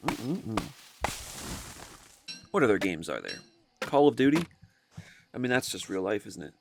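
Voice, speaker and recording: A man's voice: on the low side, big pitch swings, a little fast, music in the background. A man hosting a casual let's-play, thinking aloud as he plays and often rambling and correcting himself. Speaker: gaming video host.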